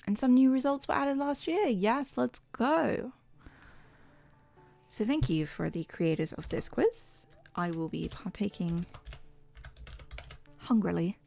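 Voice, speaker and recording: A woman's voice: high voice, lively intonation, a little slow, vocal fry, dark tone, faint music behind. A young woman streaming, chatting casually and reading quiz answers aloud with dramatic flair. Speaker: VTuber streamer. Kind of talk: casual chat.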